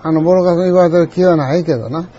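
An older man with a Kansai accent telling a rambling, reflective story in a folksy way, often clearing his throat. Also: fairly high pitch, rapid-fire, warm tone, lo-fi sound. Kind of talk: reflective monologue.

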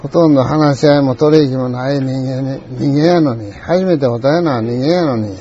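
An older man with a Kansai accent telling a rambling, reflective story in a folksy way, often clearing his throat. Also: mid-range voice, normal speed, dark tone, dull audio. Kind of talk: reflective monologue.

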